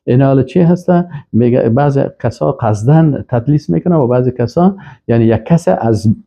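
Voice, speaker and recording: A man's voice: medium pitch, lively intonation, creaky, warm tone. A man teaching Islamic studies, reading Arabic phrases aloud and then explaining each one with emphatic rises. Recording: dull lo-fi recording.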